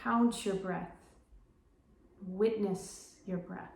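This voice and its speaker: A woman guiding a slow breath-counting meditation, giving gentle, measured instructions in short phrases with pauses. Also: medium pitch, steady tone, vocal fry. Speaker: meditation guide. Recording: roomy, echoing sound.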